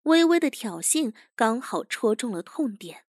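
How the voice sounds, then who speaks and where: A woman narrating an audio drama in a steady storytelling voice. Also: on the high side, measured pace, no echo, clean studio sound.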